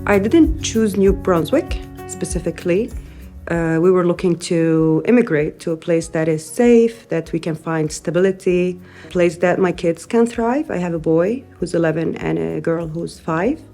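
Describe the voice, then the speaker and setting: Soft-spoken Syrian woman, earnest and halting. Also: fairly low pitch, faint music behind. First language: Arabic. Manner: earnest, thoughtful, frequent hesitations. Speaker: interviewee, newcomer parent. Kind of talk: interview testimony.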